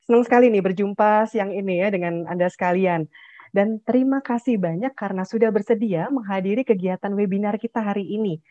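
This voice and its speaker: A woman's voice: mid-range voice, no room sound. A woman heading a psychologists' association, opening a webinar in a chatty, friendly way, peppered with "ya", over a video call. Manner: warm, chatty, with tag "ya" and "nih". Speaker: head of a clinical psychologists' association. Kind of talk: formal webinar opening speech. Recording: muffled dry video-call audio.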